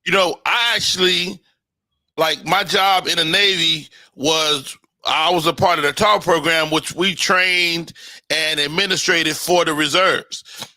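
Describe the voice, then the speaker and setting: A man hosting a casual live show, chatting informally with upbeat, slangy shout-outs. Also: on the high side, steady tone, unhurried. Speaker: show host.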